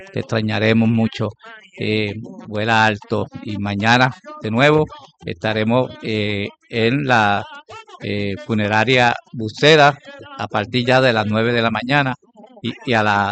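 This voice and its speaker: A man talks on a radio program, his voice low and gravelly with a lot of vocal fry. He pauses often, filling gaps with hesitant sounds and restarting his phrases. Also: a bit bright. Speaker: radio talk show panelist. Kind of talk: spoken radio tribute.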